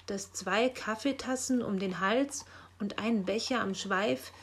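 A woman's voice: mid-range voice, unhurried, a little hiss or hum, close to an everyday voice. A woman voicing a clumsy, naive young male helper who talks in a chatty, earnest way. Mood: explaining.

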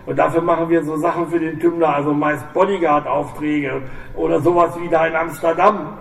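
A man voicing a frightened biker who pleads and talks fast. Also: a little high, level tone, vocal fry, fairly bright tone, voice pushed up. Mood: pleading. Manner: pleading, jammering. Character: frightened wounded male biker. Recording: echoey room, distant mic, faint hiss.

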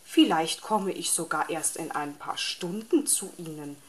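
A woman's voice: deep voice, unhurried, a little hiss or hum. A woman voicing a grumpy, lazy male fox in a storybook reading, irritable and grumbling.

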